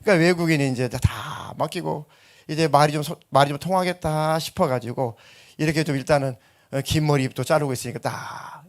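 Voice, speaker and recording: A man's voice: on the high side, a little fast. A middle-aged man preaching a sermon as pastor, telling stories and acting out voices. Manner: lively storytelling, acts out voices in anecdotes.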